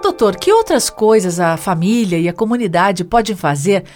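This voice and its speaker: A woman's voice: medium pitch, sing-song, normal speed. A woman with a Brazilian accent presenting a radio program and putting scripted questions to a guest. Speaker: radio host, interviewer. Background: music.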